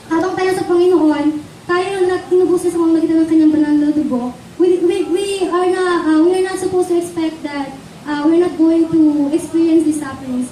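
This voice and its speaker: A woman's voice: very high-pitched, warm tone, a little hiss or hum. A woman with a Filipino accent preaching a sermon in Taglish, often asking the congregation for an amen. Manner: Taglish, asks the congregation for amens. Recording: echoey church hall from far off.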